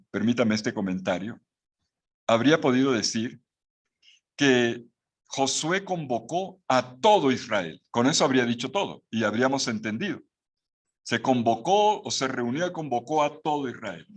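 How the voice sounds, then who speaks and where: A man with a Latin American Spanish accent leads a Bible course, his voice at an ordinary middle pitch. He explains step by step, asks the listeners questions and restarts his sentences as he goes. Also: animated, moderate pace. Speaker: Bible teacher.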